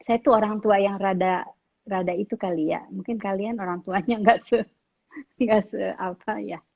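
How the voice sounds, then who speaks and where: A woman's voice: mid-range voice, normal speed, gravelly, highs cut off. A middle-aged woman giving casual advice to teenagers, telling stories and acting out what family members say. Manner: animated storytelling, acts out quoted family members. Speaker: guest speaker on parenting.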